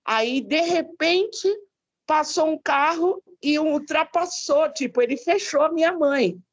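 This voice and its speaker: A woman's voice: sits high, slow pace, dull audio. A woman from Brazil sharing a personal testimony in a Bible class, talking conversationally and often ending with tag questions. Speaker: class participant.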